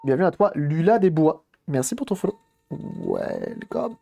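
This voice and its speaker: A man's voice: fairly high pitch, lively intonation, fast, warm tone. A man casually commenting on a live stream while repairing a game console, thinking aloud and greeting viewers as they arrive.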